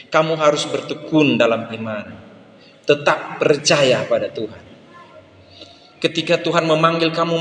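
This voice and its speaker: Older preacher in an echoey hall. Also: male voice, on the high side. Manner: animated storytelling that acts out children's voices. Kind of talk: sermon. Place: church service hall. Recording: echoey hall with faint noise.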